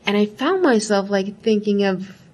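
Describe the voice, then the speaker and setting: A graduate student from Iraq reflects aloud in a casual interview, often tossing in "like" and "right?". Her medium-pitched voice is expressive with a breathy edge, moving at a moderate pace.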